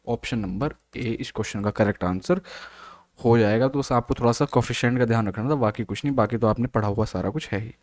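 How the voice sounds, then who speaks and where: A male math teacher solving exam questions aloud, asking and answering his own questions as he works. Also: mid-range voice. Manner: steady step-by-step explaining, asks and answers own questions. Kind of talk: exam solution walkthrough.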